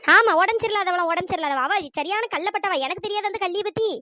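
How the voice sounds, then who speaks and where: Squeaky scornful cartoon mother-in-law. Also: sharp tone, no echo. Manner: scornful, scolding, quick-talking. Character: grumbling sharp-tongued village mother-in-law. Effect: sped-up high-pitched cartoon voice.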